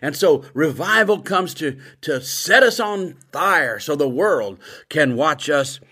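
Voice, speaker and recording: A middle-aged man preaching a sermon with emphatic swings between loud bursts and quiet asides. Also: fairly high pitch, animated, slow pace.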